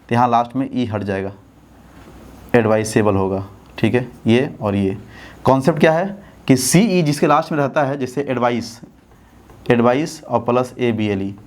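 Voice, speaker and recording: In a mid-range, somewhat mellow voice, an Indian teacher runs an exam-prep English lesson. He breaks down each answer in steps and throws rhetorical questions at the students to check they're following.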